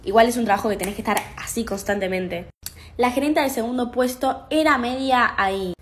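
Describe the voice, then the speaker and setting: A young woman with an Argentine accent telling a work story in a rapid, chatty, slangy way. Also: fairly high pitch. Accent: Argentine Spanish. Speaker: TikTok storyteller. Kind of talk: casual storytime monologue.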